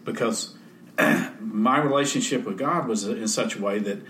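A middle-aged man with a somewhat low voice, talking casually about faith. He tells folksy stories and drops softly into quoted speech. A faint hiss of noise sits under him. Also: measured pace. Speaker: guest.

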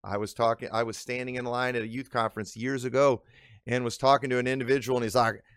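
A man, a pastor hosting his own podcast, teaches in a relaxed conversational monologue at a mid-range pitch. He is earnest, circles back and restarts his sentences, and slows down on the words he wants to stress. The sound is dry and close, with no room echo. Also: clean tone. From Illinois. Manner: earnest, with frequent restarts and drawn-out emphasis.

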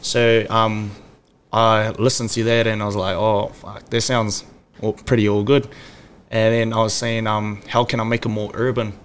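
A man's voice: fairly low pitch, level tone, moderate pace, a little hiss or hum. A man in his twenties from Samoa, a podcast guest chatting in a laid-back, easygoing way. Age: 20s. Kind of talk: casual chat.

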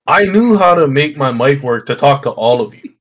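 A young man co-hosting a podcast, chatting casually with friends in loud, matey, sweary banter. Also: mid-range voice, animated, moderate pace. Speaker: podcast co-host. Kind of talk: casual chat among friends.

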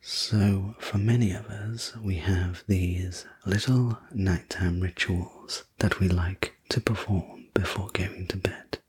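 A man speaks in a whispered role-play as a sleep story narrator. His voice is low and very breathy, with hardly any tone in it. He takes his time over each phrase, gently reassuring and soothing the listener as an attentive host. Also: steady tone. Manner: slow, gentle, reassuring delivery. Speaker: host playing a sleep room preparation attendant.

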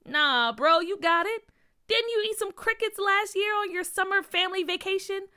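A woman's voice: extremely high pitch, normal speed, bright, forceful tone, voice pushed up. A woman voicing a cocky, teasing young schoolboy who dares his friend with playful slang.

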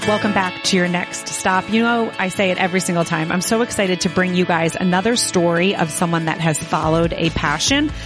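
A woman's voice: on the low side, a little fast, few pauses, music in the background. A woman hosting a podcast, introducing a guest and promoting her storytelling consulting with upbeat enthusiasm.

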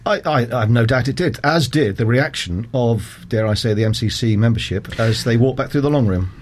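A man working as a cricket umpire, explaining rules in a measured, formal way as an interview guest. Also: medium pitch, a little hiss or hum. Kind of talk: conversational interview.

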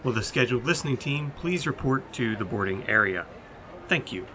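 A man's voice: mid-range voice, lively intonation, fairly quick. Man making a PA boarding announcement. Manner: formal boarding-call announcer delivery. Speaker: podcast co-host. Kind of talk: mock theme-park announcement.

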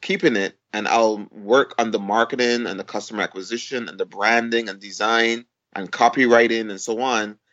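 Low-voiced man from Barbados, lo-fi audio. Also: steady tone, a bit bright. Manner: measured, explains with step-by-step examples. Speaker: podcast guest, entrepreneur. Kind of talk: conversational interview. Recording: dull lo-fi audio.

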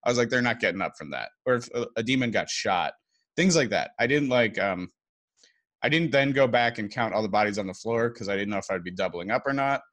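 A man's voice: medium pitch, expressive, a little fast, a bit bright. A man hosting a casual conversational recap of a TV episode. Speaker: podcast host.

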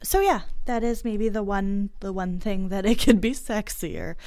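A woman's voice: medium pitch, lively intonation, measured pace, darkish tone, no echo. A woman co-hosting a podcast in casual book chat, chatty with lots of fillers and giggles. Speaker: podcast co-host.

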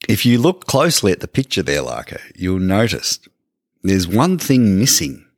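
A man co-hosting a podcast, casually pitching a product idea to his co-host with animated, acted-out dialogue. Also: moderate pace, vocal fry, no echo, clean studio sound.

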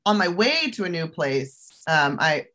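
A woman's voice: deep voice, unhurried. A woman guest who teaches self-defense and travel safety, talking chattily in a casual interview with lots of fillers. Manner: chatty, animated, with fillers and laughs.

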